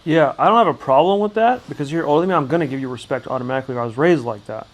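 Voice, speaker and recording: A man co-hosting a casual chat, brash and swearing a lot as he gives his views. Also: on the high side. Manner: brash, profane, quick-talking. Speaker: podcast co-host.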